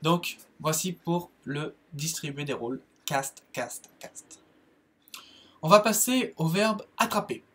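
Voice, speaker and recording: A French man with a French accent giving a casual spoken lesson on English verbs, halting, with many fillers and restarts. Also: fairly high pitch, lively intonation, a bit bright, breathy edge. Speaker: English teacher, channel host.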